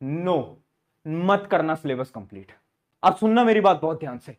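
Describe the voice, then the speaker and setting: Man, young adult, high-pitched, motivational study talk, asks and answers his own questions. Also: animated, moderate pace. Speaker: study guidance youtuber. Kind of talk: motivational study advice to students.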